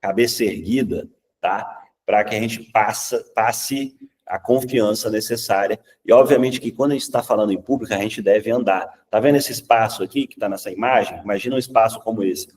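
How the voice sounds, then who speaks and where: Lower-voiced Brazilian man teaching public speaking. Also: a little fast, far from the mic. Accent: Brazilian Portuguese. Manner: lively and conversational, often ending points with "tá?"; acts out examples in changed voices.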